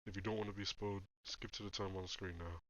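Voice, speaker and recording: A man's voice: sits low, steady tone, fast talker, a bit bright, highs cut off. A young man hosting a podcast in casual mukbang chat, sniffling and talking while he slurps noodles. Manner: chatty, talks while eating and slurping noodles. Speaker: podcast host.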